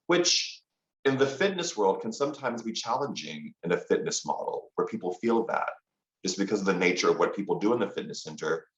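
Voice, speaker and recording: A man hosting an interview podcast, asking questions in a measured, affirming way. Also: low voice, echoey room, dull audio. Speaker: podcast host.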